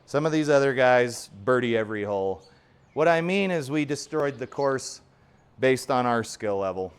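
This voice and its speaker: A man in his forties chatting through a round in his home golf simulator. His voice is smooth and clear at a middling pitch, and he rambles along in a casual, self-deprecating way. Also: lively intonation, normal speed. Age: 40s. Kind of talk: casual play-along commentary.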